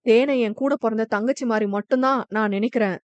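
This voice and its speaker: A woman's voice: fairly high pitch, brisk, dry recording, close to an everyday voice. A woman voicing an earnest young man raised abroad, who defends himself steadily. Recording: dull, dry lo-fi recording.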